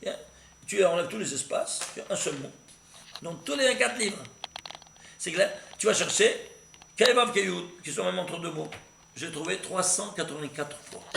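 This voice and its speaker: A man teaching a recorded Torah class, animated and constantly quizzing his listeners with questions. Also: sits high, creaky. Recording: echoey room with faint noise.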